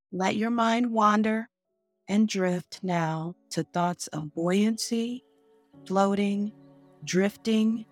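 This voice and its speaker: A woman podcast host narrating a guided meditation like a sleep story, soothing and unhurried, leaving pauses between short phrases. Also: mid-range voice. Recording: new-age music behind the voice. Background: calm new-age music.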